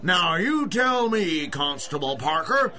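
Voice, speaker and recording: An actor playing an indignant, streetwise working-class business owner in a 1930s-style radio adventure. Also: male voice, a little high, sing-song, slow, sharp tone, exaggerated voice. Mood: exasperated. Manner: gruff working-class bluster, streetwise slang. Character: blustering, indignant male 1930s produce trucker boss.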